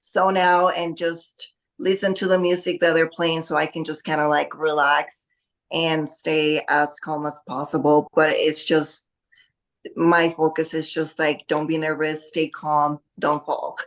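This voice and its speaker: A Costa Rican bodybuilding athlete is a guest on a podcast, chatting casually in an interview, hesitant and full of fillers, and laughing easily. Her voice sits low with a level tone and a measured pace.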